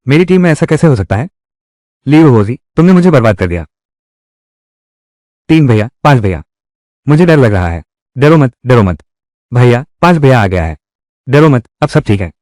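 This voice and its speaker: A man narrating a dubbed drama recap, speaking every part in the same voice. His pitch sits mid-range but moves up and down. The sound is dry and close, with no echo. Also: very animated, moderate pace, long pauses, darkish tone. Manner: reads every part in one voice. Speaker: dubbing narrator. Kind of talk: Hindi drama recap dubbing.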